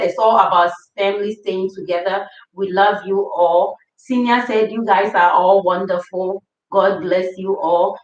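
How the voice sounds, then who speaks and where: Laughing woman host, far from the mic. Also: mid-range voice. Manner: laughs often, affectionate. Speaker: livestream host. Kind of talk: casual chat, reading viewer comments. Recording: roomy, distant, dull sound.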